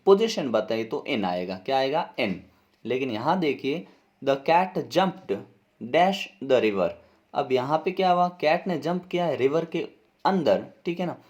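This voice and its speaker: A man's voice: a little high, expressive, moderate pace, a little mellow. A man teaching a class lesson as he walks through an exam paper, explaining each answer step by step and spelling words out letter by letter, with a Hindi accent. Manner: explains step by step, keeps asking "ठीक है ना".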